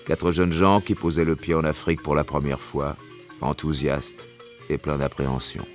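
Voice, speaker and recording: A man's voice: rumbling low, flat delivery, moderate pace, soft background music. An actor playing a novelist who narrates his adventure tale in literary style for a radio drama. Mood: measured storytelling.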